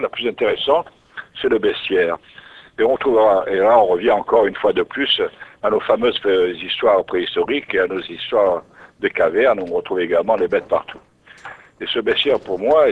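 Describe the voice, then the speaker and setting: Husky low-voiced man on tinny radio. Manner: musing, repeats words and restarts phrases. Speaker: interview guest, poet. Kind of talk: reflective storytelling in an interview. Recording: tinny narrowband radio recording.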